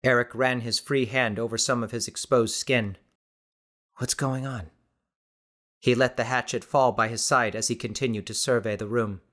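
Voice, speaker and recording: Man narrating a tense audiobook. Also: mid-range voice. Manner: steady, measured storytelling. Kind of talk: scripted narration.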